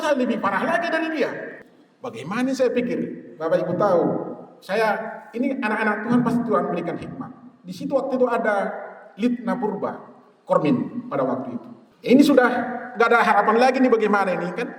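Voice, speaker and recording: A middle-aged man giving a sermon as personal testimony, telling his story and acting out the dialogue while addressing the congregation. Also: high voice. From Indonesia. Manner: storytelling, acts out dialogue, addresses "Bapak Ibu". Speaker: preacher, court chief. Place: large echoey hall. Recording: echoey hall from far off.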